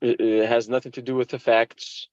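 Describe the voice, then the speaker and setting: Insistent defendant on dull lo-fi audio. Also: male voice, medium pitch, little pitch movement, moderate pace, darkish tone, dry recording. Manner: insistent, repetitive, stumbling over words. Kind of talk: arguing in court.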